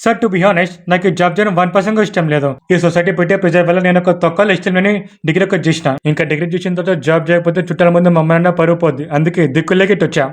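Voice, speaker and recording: A man's voice: high voice, fairly even intonation, very fast, hardly any pauses. A man acting out a brash, mocking comedy sketch. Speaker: comedy sketch creator playing all parts.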